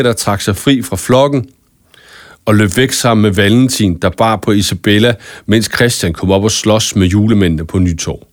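Storybook narrator, male, lowish and expressive, dry studio read. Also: dry recording. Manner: expressive children's story reading. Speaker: audiobook narrator. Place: studio booth.

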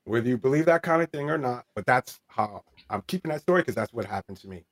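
Talking fast in an expressive, medium-pitched voice, a forties-aged man shares an honest personal story as an interview guest. His earnest telling wanders, full of fillers and restarts.

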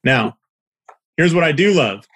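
A man's voice: a little high, animated, unhurried, fairly bright tone. A man on a video call from his desk, giving a coach's feedback on a website. He is direct and encouraging, and he stammers a little as he starts his points.

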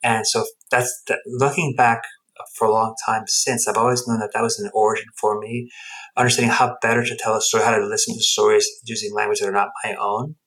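A middle-aged anthropologist and researcher from the United States and Guatemala shares personal stories as an interview guest, reflective and emphatic, often rephrasing himself. His lowish voice is level, fairly bright and a little fast, on a low-quality recording.

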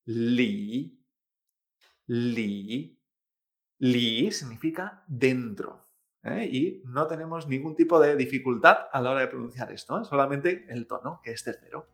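A man's voice: mid-range voice, lively intonation, moderate pace, creaky, fairly bright tone. A young man teaching Mandarin pronunciation, demonstrating sounds patiently. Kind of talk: language lesson.

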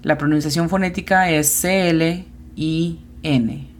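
A woman who hosts a podcast where she teaches English, giving slow and careful explanations and spelling out pronunciations. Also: deep voice, fairly even intonation, a little hiss or hum. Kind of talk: podcast language lesson.

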